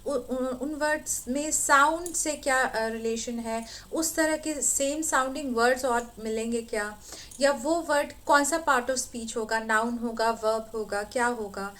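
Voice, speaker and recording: A high-voiced woman teaches exam strategies, mixing Hindi and English. She explains each point step by step, pausing on fillers and checking in with her students. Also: fairly bright tone. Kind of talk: exam-prep lesson in mixed Hindi and English.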